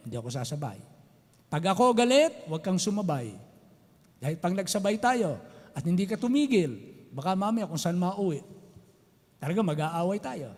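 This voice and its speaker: A pastor in his later years, preaching a sermon in a lively, animated way, switching between languages. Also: high-pitched. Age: older. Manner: animated preaching, mixing Tagalog and English. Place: church sanctuary. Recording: long church hall reverb.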